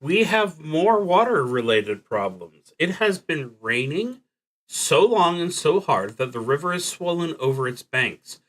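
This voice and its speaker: Thinking aloud in a hesitant, reflective way, a man streams an unscripted play-through of his solo tabletop roleplaying game. His high voice is very animated, unhurried, and fairly bright, though the recording is low quality.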